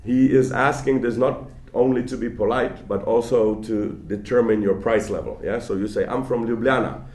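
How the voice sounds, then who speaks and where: A man lectures to an audience in a large hall in a loose, conversational way. His voice sits a little low, and he often stammers and restarts his sentences. The room adds a noticeable echo. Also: normal speed, a little mellow. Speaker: guest lecturer. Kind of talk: public lecture.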